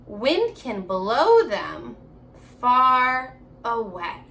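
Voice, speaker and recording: This is a remote reading lesson for young children, led by a woman elementary school teacher whose high voice is full of energy and whose words come out drawn-out. She moves at a relaxed pace between slow read-aloud and chatty prompts, asking encouraging questions as if the pupils sat in front of her. Some light background noise can be heard.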